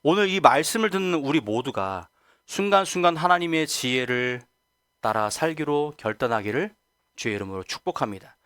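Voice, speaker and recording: A man's voice: on the high side, lively intonation, normal speed, a bit bright, clear, resonant tone, no room sound, clean studio sound. A male pastor preaching a Sunday sermon who asks the congregation rhetorical questions and acts out quoted voices. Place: church sanctuary.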